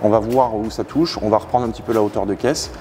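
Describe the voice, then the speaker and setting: Talking quickly with a warm, fairly low voice and fairly even intonation, this man shows off customers' cars in a big indoor workshop hangar. As the garage owner explains things casually, he often hesitates and hunts for the right word, with clear garage noise in the background.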